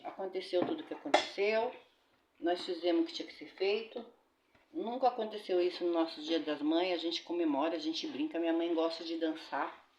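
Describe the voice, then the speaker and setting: In a roomy, dull, noisy recording from her home kitchen, a middle-aged Brazilian vlogger with a flu washes dishes and chats with viewers. Her mid-range voice carries a Brazilian Portuguese accent, and she calls her audience "gente" and offers religious blessings. She is recovering from a bad flu.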